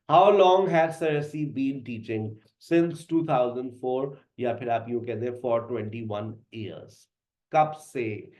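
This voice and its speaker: A man's voice: medium pitch, a little mellow. A man, teaching a class and repeating example phrases one after another as drills. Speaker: English teacher. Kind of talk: classroom lecture. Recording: echoey room.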